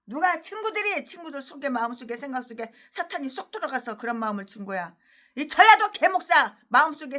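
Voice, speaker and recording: A woman's voice: sits high, bright, forceful tone. A woman pastor preaching an expository sermon in an impassioned, ranting way, repeating phrases for emphasis.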